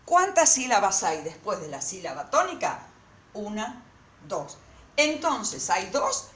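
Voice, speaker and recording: Her tone a bit bright, a female teacher walks students through a recorded lesson, stressing every word slowly and breaking words into syllables as she repeats them. Her pitch swings widely, and the room has noticeable echo.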